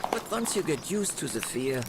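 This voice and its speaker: A man's voice: a little high, very noisy. An actor playing a weary, resigned man who greets newcomers formally in a German accent. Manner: formal, measured welcome with grim calm. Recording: game audio with loud music. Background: loud game music.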